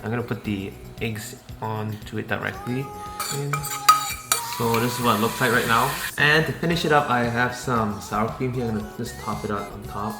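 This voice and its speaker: Male home vlogger, casual and slightly halting, roomy kitchen sound with music underneath. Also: mid-range voice. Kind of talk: casual cooking and recovery vlog. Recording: echoey room with music behind.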